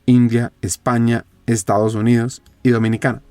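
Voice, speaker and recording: A podcast host with a mellow, medium-pitched voice and little pitch movement speaks at a moderate pace with no echo. Addressing listeners directly in a storytelling manner, he narrates a guest's background from a script and asks interview questions.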